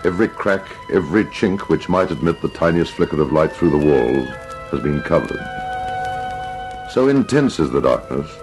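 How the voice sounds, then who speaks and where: A haunting, very deep narrator voice for an old radio horror drama. His delivery is ominous and swings expressively, with some music behind him. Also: darkish tone, poor audio. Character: eerie male narrator of supernatural tales.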